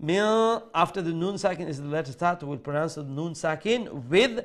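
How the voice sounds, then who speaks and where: A man teaching Quran recitation rules live, explaining slowly and reciting words in a sung tone. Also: a little high. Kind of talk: live tajweed lesson, switching between Bengali and English.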